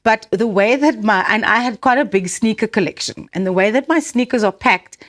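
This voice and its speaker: A woman's voice: a little high, brisk, a bit bright. A woman with a South African accent co-hosting in a chatty way, bantering casually and telling stories. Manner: chatty, switches between Afrikaans and English. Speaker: radio or podcast co-host. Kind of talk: casual co-host banter and storytelling.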